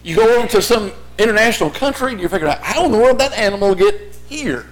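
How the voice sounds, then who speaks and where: High-pitched man preaching. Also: expressive, fast, faint music behind. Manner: explanatory, rhetorical questions in imagined listeners' voices. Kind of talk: sermon, teaching Bible basics point by point.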